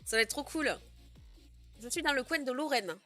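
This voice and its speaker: A young woman chats loosely with her stream audience, laughing easily and stumbling through fillers as she goes. Her voice sits a little high and rings bright and forward. Faint music plays quietly underneath. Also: moderate pace. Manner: chatty, giggly, many fillers. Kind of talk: casual live stream chat.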